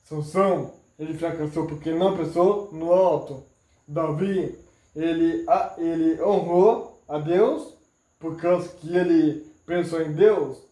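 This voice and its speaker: A man preaching an informal sermon, retelling Bible stories in a halting way with many fillers and restarts. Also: fairly high pitch, fairly even intonation, warm tone. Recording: echoey room.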